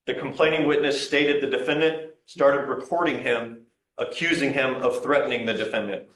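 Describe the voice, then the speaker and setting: A man's voice: medium pitch, fairly bright tone. A man formally reading out probable cause reports in a courtroom, in a matter-of-fact way. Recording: echoey courtroom sound.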